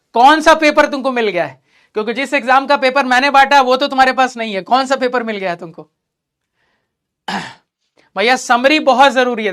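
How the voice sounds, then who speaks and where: A man's voice: extremely high pitch, a bit bright, smooth. A man teaching math in an online class, encouraging his students and repeating key points while talking to them directly.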